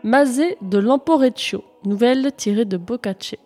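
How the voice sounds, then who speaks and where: Mellow woman reading verse tales. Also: a little high, faint music behind. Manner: measured verse recitation. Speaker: reader. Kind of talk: reading classic French verse tale aloud.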